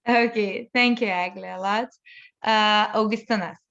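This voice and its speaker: A woman's voice: mid-range voice, steady tone, fairly bright tone. Woman lecturer, casual moderation, muffled call audio. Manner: friendly, halting with fillers. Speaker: seminar lecturer. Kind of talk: online seminar moderation.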